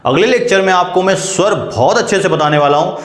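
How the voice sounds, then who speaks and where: A man's voice: sits high, brisk. A man giving a step-by-step grammar lecture, asking questions and then answering them himself. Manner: explains step by step, asks and answers his own questions. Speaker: teacher. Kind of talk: classroom-style Hindi grammar lecture. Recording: echoey room.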